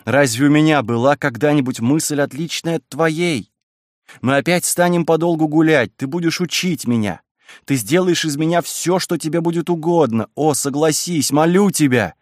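At normal speed and with light acting, a man portrays a wild, passionate young woman, his voice raised higher as he pleads with passion. The room is dry, with no echo.

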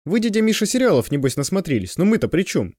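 A man reading the part of a sharp-tongued young woman in an audiobook, with indignant quick retorts. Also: sits high, big pitch swings, no echo, clean studio sound, pitched above the performer's own voice.

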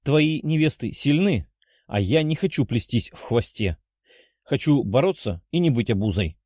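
A man voicing a bold, determined young woman in an audiobook, lifting his voice higher and sounding eager. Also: animated, normal speed, darkish tone, dry recording, studio quality, close to an everyday voice. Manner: raised pitch, eager. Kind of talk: audiobook character voice.

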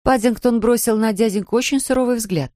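A woman narrating a children's storybook with lively expression. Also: a little high, fairly quick, no echo, clean studio sound. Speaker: audiobook reader.

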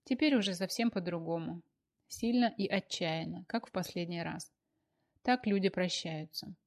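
A woman narrating an audiobook in a measured, even way. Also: lowish voice, vocal fry.

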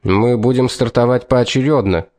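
A man voicing a calm, matter-of-fact male pilot in an audiobook. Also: medium pitch, normal speed, lightly acted.

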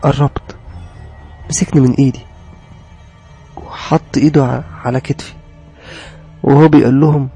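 A man with an Egyptian accent and a raspy voice narrating a horror story in a brooding, confessional first-person way. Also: mid-range voice, steady tone, moderate pace, long pauses, mellow, faint music behind.

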